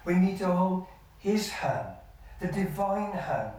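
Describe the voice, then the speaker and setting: An older man preaching a sermon as pastor, earnest and measured, his sentences often sinking low at the end. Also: lively intonation, a little mellow. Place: church hall. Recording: echoey church hall from far off.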